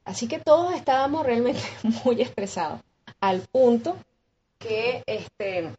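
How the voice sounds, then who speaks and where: A Venezuelan woman with a Venezuelan accent, a guest musician recounting her story in an interview with lively acted-out dialogue and frequent restarts. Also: on the high side, takes it slowly, muffled recording, a little hiss or hum. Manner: expressive, acts out quoted dialogue with many restarts.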